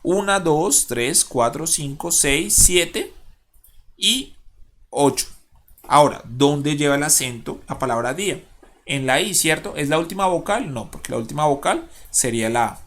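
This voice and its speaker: A male teacher with a Colombian accent records a lesson for his class at his computer. His voice sits a little high for a man. He talks patiently, stops to ask questions and counts syllables out loud. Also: expressive, measured pace. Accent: Colombian Spanish. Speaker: schoolteacher.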